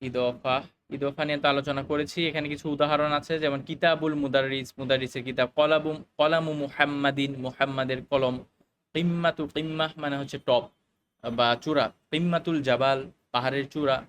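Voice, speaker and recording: A man teaching a recorded Arabic lesson, explaining the grammar slowly, with fillers and English words mixed in. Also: mid-range voice, fairly even intonation, a bit bright, a little hiss or hum.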